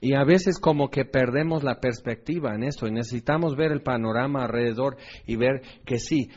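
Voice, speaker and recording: A man teaching a Bible study in a conversational way, often asking rhetorical questions and checking in with his listeners. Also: mid-range voice. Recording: dull lo-fi recording.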